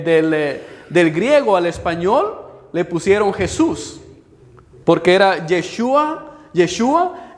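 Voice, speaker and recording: A man preaching a sermon to a congregation, teaching as he goes, quizzing his listeners and having them repeat words after him, and slowing down whenever he reads scripture aloud. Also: high-pitched. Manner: slows down when reading scripture aloud. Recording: long hall reverb.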